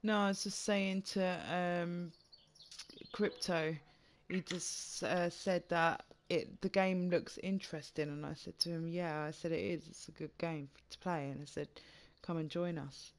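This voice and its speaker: A man's voice: on the high side, steady tone, a little slow. A man with a slight lisp streaming a fishing game, chatting casually with friends and stumbling over words now and then. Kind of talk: casual gaming chat.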